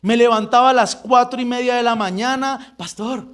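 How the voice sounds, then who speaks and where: High-voiced man telling his testimony. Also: brisk, smooth. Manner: animated storytelling, acting out quoted dialogue. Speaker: church member giving testimony. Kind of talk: testimony in a church service.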